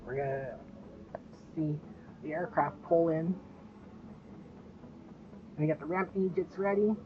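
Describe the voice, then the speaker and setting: A woman's voice: deep voice, takes it slowly, background noise. A woman giving casual live commentary as a plane-spotting vlogger. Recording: dull lo-fi audio, music behind.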